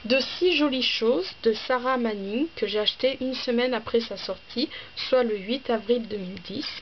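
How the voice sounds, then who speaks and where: A woman's voice: fairly high pitch, normal speed. Chatty woman book vlogger, hesitant. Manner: hesitant, many fillers and restarts; chatty, listing items one by one. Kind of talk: casual book vlog. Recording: slightly dull with faint background noise.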